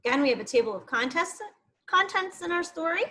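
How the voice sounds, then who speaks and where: In a very high-pitched voice and at a slightly fast clip, a female teacher reads an informational book aloud to young children. She explains things with plenty of expression and talks to her pupils between passages.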